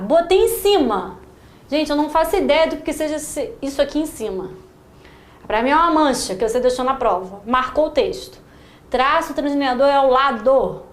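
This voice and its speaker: A Brazilian woman with a high voice lectures to a class in a lively way. She keeps acting out students' worried questions in little put-on voices. The sound bounces around a roomy classroom. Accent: Brazilian Portuguese. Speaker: writing teacher.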